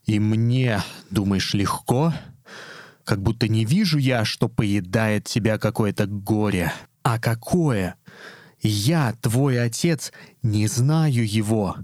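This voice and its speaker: A man's voice: lowish voice, takes it slowly, a little mellow, dry recording. A man voicing a stern elderly priest pleading with his daughter, in a dry, firm voice. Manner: pleading, then bitterly ironic. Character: stern elderly male village priest, a father.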